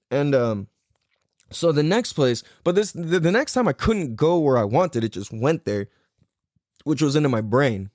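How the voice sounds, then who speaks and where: This American podcast host, a man in his thirties, rambles through a long, profane story and laughs a lot. His mid-range voice is a little mellow, and the studio recording is clean and dry.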